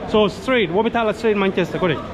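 A man's voice: sits high, brisk, a loud crowd. A man in his thirties with a West African accent, chatting casually as a travel vlogger in a busy airport hall. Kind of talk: casual vlog chat to camera and at check-in. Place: large busy airport departure hall, indoors. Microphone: camera held at arm's length. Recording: loud airport terminal background noise.

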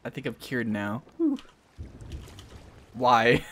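A man's voice: mid-range voice, slight background noise. A man hosting a gaming video, joking and giggling through casual banter.

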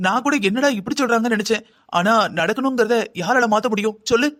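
A voice actor playing a calm, firm middle-aged mother in a cartoon drama, soothing but insistent. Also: fairly high pitch, fast talker, close to an everyday voice.

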